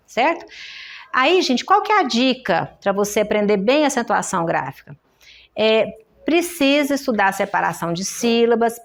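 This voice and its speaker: A woman's voice: a little high, a bit bright. A woman with a Brazilian Portuguese accent teaching a classroom lesson on writing errors, explaining step by step and often checking in with her students. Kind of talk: classroom lecture. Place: in-person workshop room.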